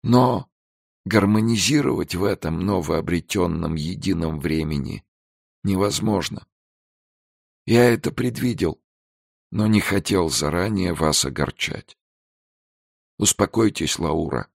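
A man's voice: low voice, unhurried, vocal fry, pauses often, dry recording, clean studio sound, voice pushed up, full character voice. A man voicing a grave, mournful older male institute director in a storybook reading. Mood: sorrowful.

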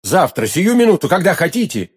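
A man's voice: medium pitch, lively intonation, normal speed, darkish tone, pitched above the performer's own voice. A man voicing an ardent, pompous young musketeer in an audiobook reading, exclaiming eagerly. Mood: passionate eager.

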